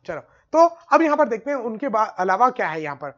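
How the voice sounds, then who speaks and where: A male teacher giving an online exam-prep lesson, drilling word forms in a steady rhythm and often checking that students follow. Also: high voice, fairly quick, highs cut off.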